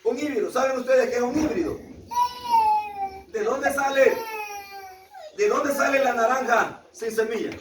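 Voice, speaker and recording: A man's voice: very high voice, measured pace, pauses often, noisy background. A man with a Salvadoran Spanish accent teaching a Bible lesson to a class, repeating key words emphatically and asking the class questions. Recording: echoey room, speaker far from mic.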